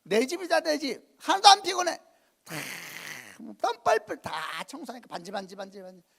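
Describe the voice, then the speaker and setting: A middle-aged male pastor preaching a sermon at a youth camp, telling a story with acted-out dialogue and shouting at the high points. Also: normal speed, creaky. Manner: animated storytelling, shouting at climaxes, acting out dialogue. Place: church hall at a youth camp.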